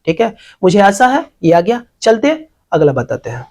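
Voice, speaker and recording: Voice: mid-range voice, big pitch swings, normal speed, a little mellow, low-quality recording. A teacher gives an exam-focused grammar lesson beside a teaching board, asking questions and answering them while repeating key terms.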